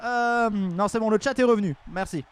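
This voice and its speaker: A man commentating battles live on a stream, joking and rambling, with bursts of shouted hype. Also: sits high, normal speed, smooth.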